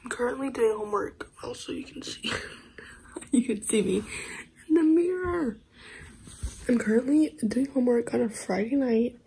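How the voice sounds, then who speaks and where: A woman's voice: fairly high pitch, moderate pace, vocal fry, pauses often, warm tone, slightly rough, low-quality recording. A young woman chatting casually in a home vlog, her voice nasal and congested from a cold, rambling and often dropping to a half-whisper. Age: young adult. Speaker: vlogger. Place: at home, indoors.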